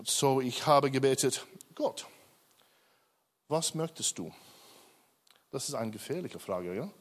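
A church member, a middle-aged Australian man whose first language is English, speaks slowly and animatedly at a medium pitch while giving a hesitant testimony at a service. Fillers and self-corrections abound, and the audio has a big-room sound.

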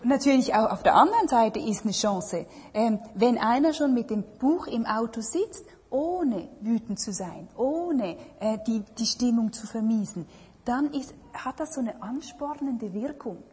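A woman's voice: fairly high pitch, animated, measured pace, darkish tone, husky. A woman giving a talk on partnership and relationships, reflective and full of questions to her listeners. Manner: reflective, asks many questions. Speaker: speaker on marriage and relationships. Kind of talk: talk to an audience. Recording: long hall reverb.

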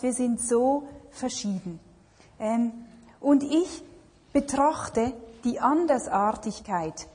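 A woman's voice: sits high, darkish tone, husky. A woman giving a talk on partnership and relationships, reflective and full of questions to her listeners. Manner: reflective, asks many questions. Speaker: speaker on marriage and relationships. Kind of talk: talk to an audience. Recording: long hall reverb.

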